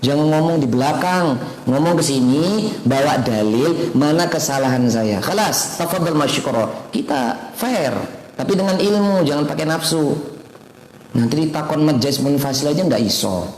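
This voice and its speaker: A man's voice: on the high side, expressive, moderate pace, a little mellow. A man giving an informal sermon to a study circle, chatty and often quizzing his listeners. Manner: chatty, keeps quizzing the audience. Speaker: ustadz teaching a weekly study circle. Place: home study gathering. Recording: echoey room, long reverb, faint noise.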